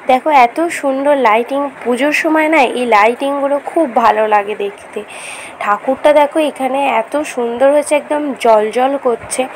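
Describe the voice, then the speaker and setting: A woman talks her viewers through a casual vlog, chatty and eager. Her voice sits high but sounds hoarse from a recent fever. A faint hiss of noise runs behind her. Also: low-quality recording. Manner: chatty, enthusiastic, addresses viewers directly. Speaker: vlogger.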